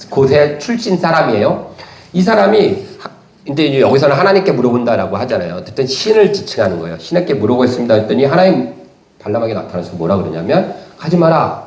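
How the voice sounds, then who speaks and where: A man's voice: mid-range voice, darkish tone, echoey room. A man preaching a sermon as a pastor, retelling a story and acting out the characters' lines. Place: church.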